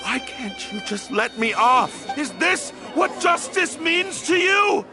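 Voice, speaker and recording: A slow, high-pitched male voice that swings widely, a desperate man on trial. He pleads and protests against his verdict. Music plays behind him. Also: big pitch swings, gravelly, a crowd in the background, heavily acted. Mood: pleading. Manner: pleading, then shouting in anger. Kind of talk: video game voice acting. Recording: game audio with music behind.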